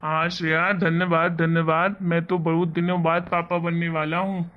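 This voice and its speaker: A man voicing a kind, earnest young husband and son in an animated family story. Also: fairly high pitch, moderate pace, phone-quality sound, close to an everyday voice. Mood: warm. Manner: earnest, persuasive.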